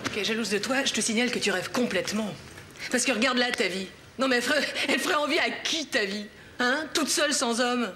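A woman's voice: a little high, brisk, pushed and bright. An actress playing a sulky, defensive young woman who answers curtly and prickly in a TV sitcom. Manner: curt, prickly. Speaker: sitcom character. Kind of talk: 1990s TV sitcom acting. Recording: TV sitcom audio with background noise.

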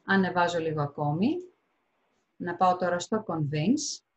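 Woman tutor, slightly low voice. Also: lo-fi sound. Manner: measured, list-like reading, switching between English and Greek. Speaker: English tutor. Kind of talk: vocabulary lesson, reading synonyms with translations.

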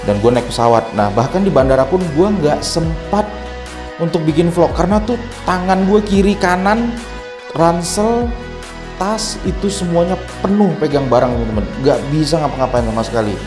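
A tired man vlogging casually in a bare room with a strong echo, chatting to his viewers as friends. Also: medium pitch. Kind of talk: casual vlog chat, room tour. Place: bare, echoey new rented house, indoors. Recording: echoey bare room, faint music.

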